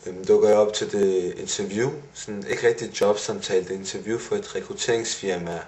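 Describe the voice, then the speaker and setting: A man's voice: fairly low pitch, steady tone, a little mellow, a little hiss or hum. A young man recapping his day in a casual video diary, rambling and self-analytical with many fillers. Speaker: vlogger.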